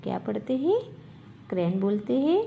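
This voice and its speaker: A woman's voice: mid-range voice, very animated, moderate pace, creaky, phone-quality sound, slight background noise. A woman teacher leading a revision lesson, spelling words letter by letter, repeating them and answering her own questions. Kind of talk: slow classroom revision lesson.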